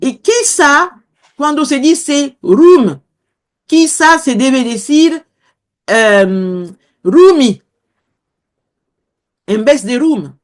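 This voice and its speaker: Woman professor, high voice, measured unhurried delivery, pauses to find her words. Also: lively intonation. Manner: slow, hesitant, searching for words. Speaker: guest professor. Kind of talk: explaining a language lesson.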